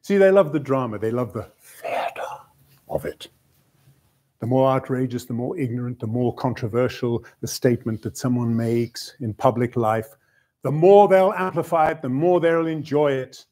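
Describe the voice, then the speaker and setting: An actor in his sixties playing an anguished, earnest father in a searching, halting theatrical soliloquy with emphatic, broken phrases. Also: medium pitch, darkish tone, close to an everyday voice. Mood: earnest, frustrated. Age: 60s. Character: anguished older male father, earnest defender of the law. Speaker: actor performing a dramatic monologue. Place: indoor room, stage rehearsal.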